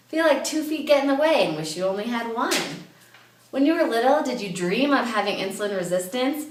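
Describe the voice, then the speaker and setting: Echoey mock-commercial woman announcer. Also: fairly bright tone. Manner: upbeat sales pitch. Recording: echoey, from a distance.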